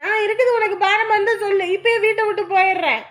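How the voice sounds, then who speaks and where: A defiant young daughter. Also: female voice, very high voice, fairly even intonation, fast, very noisy. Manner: defiant, protesting. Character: stubborn young unmarried daughter.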